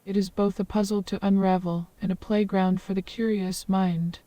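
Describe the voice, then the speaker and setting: A woman's voice: medium pitch, little pitch movement, moderate pace, warm tone, no echo, distant mic, lightly acted. A synthetic woman's voice playing a wise old hermit woman of the forest who speaks in long, ornate, formal sentences. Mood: calm, flowery.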